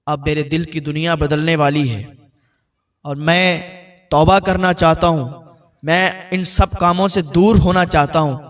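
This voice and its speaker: A man's voice: fairly high pitch, steady tone, recorded from a distance, lightly acted. A man voicing a grown bandit chief who pleads earnestly about his sins. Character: remorseful adult male bandit chief.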